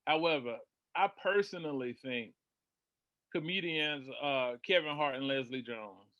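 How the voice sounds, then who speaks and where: A man speaking as a panel guest in casual discussion, measured and opinionated. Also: fairly high pitch, no echo, highs cut off.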